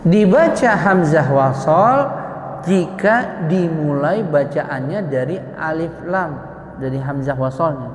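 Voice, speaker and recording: Brief: male teacher, patient lecturing to a congregation, slightly raised pitch, roomy echoey prayer room. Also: lively intonation, slight background noise. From Indonesia. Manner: slow, patient explaining with rhetorical questions. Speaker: Quran recitation teacher. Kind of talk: tajwid lesson to a congregation.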